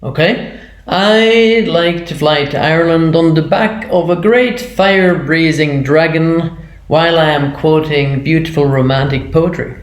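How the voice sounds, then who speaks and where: A man's voice: fairly high pitch, unhurried. A man playing a teacher in a homemade drama, earnest and quoting literature aloud. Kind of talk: amateur video drama. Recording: echoey room.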